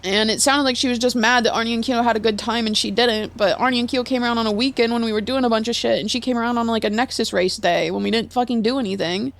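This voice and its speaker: A woman's voice: on the high side, fairly even intonation, quick pace, creaky, hardly any pauses. A young woman in an in-character roleplay chat, telling a long story in a rambling, profane way. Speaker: roleplay streamer.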